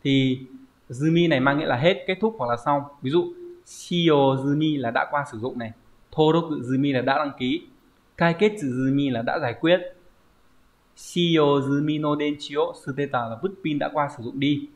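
A man's voice: a little high, moderate pace. A man teaching a Japanese vocabulary lesson online, explaining step by step and often checking with "right?". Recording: dull lo-fi recording.

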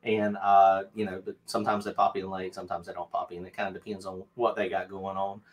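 A man's voice: low voice, flat delivery, a little fast. Rambling Southern man hosting a livestream. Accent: North Carolina Southern. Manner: rambling, self-deprecating, many fillers and restarts. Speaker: livestream host. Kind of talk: casual livestream chat. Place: home craft studio, indoors.

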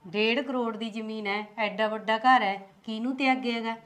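A woman's voice: fairly high pitch, fairly even intonation, moderate pace, a bit bright, close to an everyday voice. A woman playing a sweet-talking scheming daughter-in-law. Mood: placating. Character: scheming daughter-in-law who sweet-talks her in-laws.

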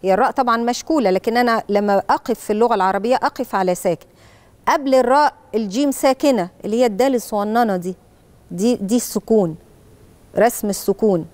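This is a woman with an Egyptian accent giving children a Quran recitation lesson. Her voice sits a little high, and she explains the rules patiently, step by step. When she models a verse, she draws each word out slowly. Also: darkish tone, no room sound. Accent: Egyptian Arabic.

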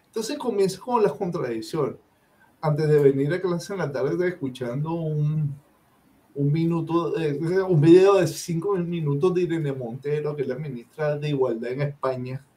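Emphatic Venezuelan man, higher voice. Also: moderate pace, mellow. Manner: emphatic, opinionated, lecturing. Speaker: guest professor. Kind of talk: live-stream discussion.

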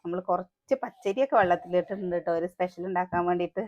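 A woman's voice: fairly low pitch, very fast, highs cut off. A woman with a Malayali accent chatting to the camera in her home kitchen, cooking breakfast and calling out to her children. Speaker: family vlogger, mother. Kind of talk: casual home vlog narration.

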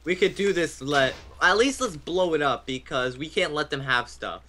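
A man bantering during a game, teasing his friends and breaking into excited shouts. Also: fairly high pitch, normal speed, a little hiss or hum. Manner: teasing, jokey, bursts into shouts. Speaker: gamer co-host. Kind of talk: casual gaming banter.

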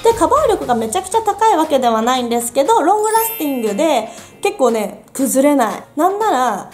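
A woman's voice: sits high, a little mellow. A young woman vlogger chatting upbeat and playful while reviewing beauty products.

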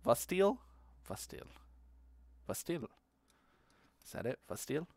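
A man's voice: a little high, big pitch swings, slow pace, darkish tone, dry recording. Man rambling on a game stream. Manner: rambling and easily amused, repeats words aloud, hums to himself. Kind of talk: casual chat while playing a game.

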